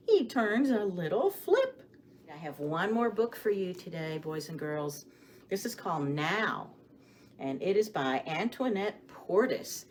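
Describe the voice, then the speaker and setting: A children's librarian hosts storytime, reading stories and rhymes aloud to young children in a sing-song, expressive voice of medium pitch. She often asks the children questions and pauses for their answers. Background noise is clearly audible.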